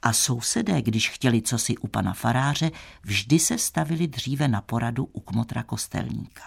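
A man narrating a classic tale in a measured, old-fashioned storytelling manner. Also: medium pitch, expressive, gravelly, husky. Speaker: audiobook narrator.

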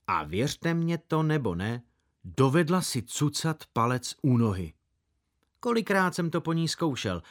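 Lively male audiobook narrator. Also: mid-range voice. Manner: expressive, puts on voices for quoted characters. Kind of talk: audiobook reading of a boy's first-person story.

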